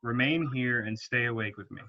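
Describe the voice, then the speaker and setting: A man reading the part of Jesus in a church reading, speaking in a measured, solemn way. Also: medium pitch, muffled recording, close to an everyday voice. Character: Jesus, calm grave male teacher. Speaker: reader.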